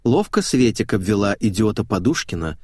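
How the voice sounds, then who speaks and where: A man's voice: lowish voice, very animated, a little fast, a little mellow, husky, no room sound, studio quality. A man narrating a comic novel in the first person, wry and self-mocking. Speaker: audiobook narrator.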